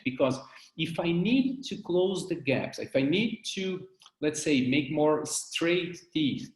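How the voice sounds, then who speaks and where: A man from Brazil, a dentist giving an online lecture, halting and repeating words as he goes. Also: on the high side, darkish tone, echoey room. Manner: halting, repeats words, loose non-native grammar. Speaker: dentist presenting cases.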